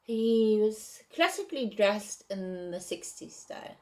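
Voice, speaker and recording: A woman reads from her novel draft and talks it over, hesitant and pausing to rethink her wording. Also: mid-range voice, animated, warm tone. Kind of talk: casual reading and commentary.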